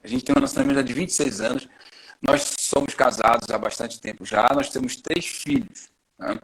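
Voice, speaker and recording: Husky man in his forties. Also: medium pitch, fairly bright tone, poor audio. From Rio de Janeiro, Brazil. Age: 40s. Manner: friendly, chatty, self-introducing at length. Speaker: podcast guest. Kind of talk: personal testimony in a live podcast interview.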